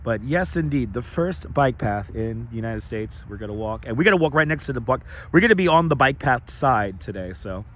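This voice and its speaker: This hoarse livestream host, his raspy voice slightly squeaky and a bit bright, talks animatedly and fairly quickly with few pauses while walking in a city park. Overuse has worn his voice down, and he rambles, repeats himself, and greets viewers one after another. A wireless lavalier mic captures him, along with clear outdoor and traffic sounds.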